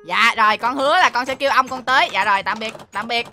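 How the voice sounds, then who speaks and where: A woman hosting a game role-play, narrating to viewers in an excitable, exclamatory, chatty way. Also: fairly high pitch, quick pace, soft background music. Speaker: host.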